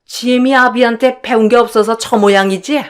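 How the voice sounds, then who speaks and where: A woman's voice: fairly high pitch, steady tone, normal speed, clean tone, voice pushed up, close to an everyday voice. A woman playing a sneering snobbish mother-in-law. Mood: contemptuous. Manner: sneering, contemptuous scolding.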